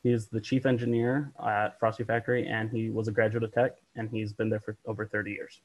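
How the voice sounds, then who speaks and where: A man's voice: on the low side, flat delivery, brisk, low-quality recording. A young man, a student presenter, delivering a prepared presentation. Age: young adult.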